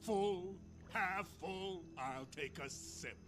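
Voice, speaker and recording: Old town drunk from a video game, slow slurred begging, high pitched, loud music behind. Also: male voice. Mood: wheedling. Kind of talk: video game character acting.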